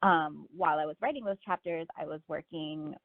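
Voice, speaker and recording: Brisk and deep-voiced with vocal fry, this woman from Miami, United States, is heard with no room sound over narrow phone audio. As a guest author in an interview, she talks casually and reflectively, frequently using "like" and "you know."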